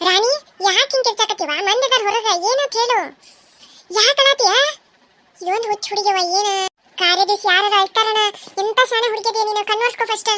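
A woman voicing a stern but caring older village mother who scolds firmly, with a North Karnataka Kannada accent. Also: very high voice. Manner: scolding, firm, loud.

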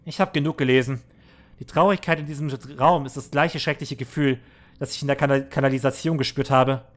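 A man's voice: medium pitch, fairly even intonation, brisk. A man reading game text aloud and commenting in a let's play, earnest and somber, with small restarts.

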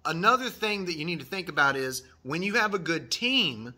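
Speaking at a normal speed in a fairly high, expressive voice with a sharp tone, an HVAC channel host in his thirties reads a viewer email. He's earnest and encouraging, repeating what matters most. He's filmed close in a decorated workshop room.

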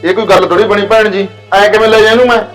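An actor playing a calm, protective middle-aged father who soothes his crying daughter. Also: high-pitched, quick pace, soft background music. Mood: pleading. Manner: soothing, patient. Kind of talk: short film drama.

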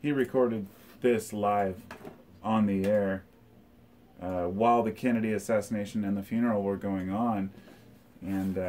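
A middle-aged collector sits in his living room by a record shelf and casually goes through his box of old tape reels. He thinks aloud and rambles with many fillers, in a lowish voice with a darkish tone. There's slight background noise.

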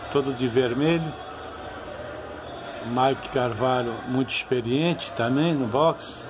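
Slow-talking Brazilian man, noisy recording. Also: medium pitch. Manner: repeatedly ends phrases with tag questions. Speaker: boxing channel host and commentator. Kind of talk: informal, nostalgic commentary over old fight footage.

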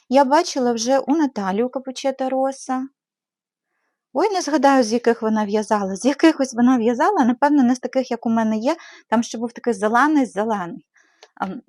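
A woman's voice: on the high side, darkish tone, no echo, studio quality. A woman from Ukraine chatting casually as she shows her knitting supplies in a vlog, with frequent hesitant fillers and fond diminutives. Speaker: knitting channel host. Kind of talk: casual show-and-tell vlog.

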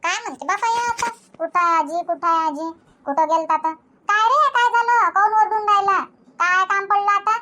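A woman's voice: very high-pitched, moderate pace. A woman voicing a nagging, thrifty old village grandmother in a cartoon. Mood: scolding. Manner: nagging, sharp-tongued.

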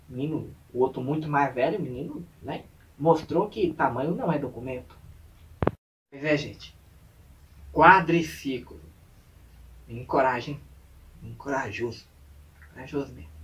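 A man tells a story to his vlog audience, animated and acting out engine noises and voices. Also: a little high, far from the mic. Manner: animated, acts out sounds and voices. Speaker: vlogger. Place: indoors at home late at night.

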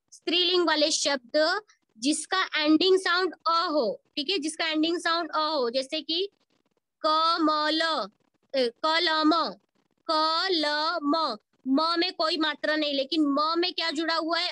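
Recorded dry on a video call, this woman's voice sits high and sounds pushed and bright, moving at a measured pace. She teaches an online school Hindi grammar class, code-mixing English, addressing pupils as beta, and supplying answers to her own questions.

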